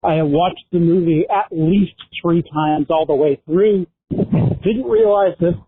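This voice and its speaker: A caller leaving an unhurried, deadpan listener message over a muffled phone line. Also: mid-range voice, husky, no echo.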